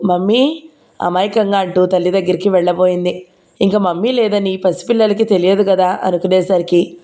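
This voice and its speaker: A woman reading a novel aloud in a steady, even storytelling voice. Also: medium pitch.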